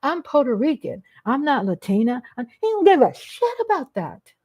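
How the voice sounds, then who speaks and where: A woman's voice: high-pitched, very animated, moderate pace, a little mellow, slightly rough. A woman hosting her own live-stream vlog, speaking off the cuff in a blunt, emphatic way with casual swearing. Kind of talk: unscripted live commentary.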